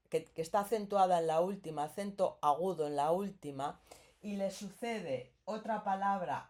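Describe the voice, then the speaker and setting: A woman's voice: medium pitch, a little mellow. A woman teaching a grammar lesson, explaining patiently and often checking in with the listener.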